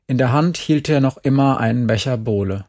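A man's voice: medium pitch, fairly quick, darkish tone. Male storyteller, dry understated reading. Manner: dry understated first-person telling. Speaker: narrator.

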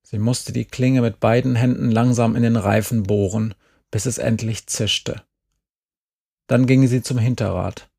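A man narrating an audiobook in a calm, measured storytelling way. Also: mid-range voice, gravelly, husky. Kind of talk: scripted narration.

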